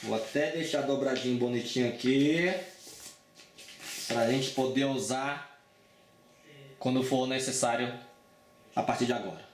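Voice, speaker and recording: A man's voice: medium pitch, unhurried, long pauses, echoey room. A man with a Brazilian Portuguese accent teaching a casual exam-prep math lesson, chatty and informal, often checking in with his students. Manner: chatty and informal, with frequent check-ins and slang.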